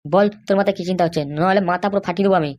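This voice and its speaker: Brief: a woman playing an angry cartoon husband, rapid-fire threats, mid-pitched. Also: steady tone, close to an everyday voice. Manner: angry, threatening, shouting insults. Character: hot-tempered threatening young husband, Kittu. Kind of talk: cartoon voice acting.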